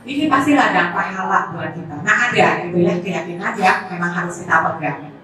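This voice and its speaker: A woman's voice: mid-range voice, a bit bright. A woman giving a seminar talk to parents, chatty, addressing them often with tag questions. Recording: echoey room, voice far from mic.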